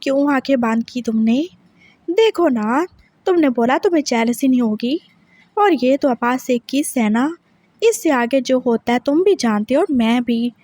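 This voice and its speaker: A woman plays a possessive young husband who keeps firing questions and won't let up. The voice sits high and bright, and the recording is dry and close with no room sound. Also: animated, unhurried, dry recording. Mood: pressing. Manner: pressing, repeats questions. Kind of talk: dramatic story reading.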